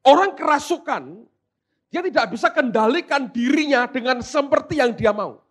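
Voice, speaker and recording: A male pastor preaching a sermon. He switches between hushed asides and loud, dramatic exclamations. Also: extremely high pitch, expressive, normal speed.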